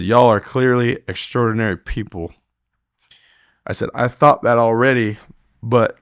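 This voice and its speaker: Animated man telling stories, dry sound. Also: lowish voice, no room sound. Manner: animated retelling, acting out quoted talk; frequent laughter, restarts. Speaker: podcast guest, rodeo heeler. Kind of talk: casual storytelling in a podcast interview.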